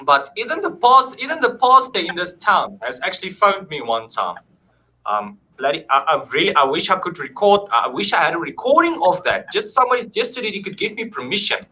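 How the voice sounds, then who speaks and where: A man telling a paranormal story in a casual, animated way, acting out quoted dialogue and swearing freely. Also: high-pitched, a little fast, rough recording.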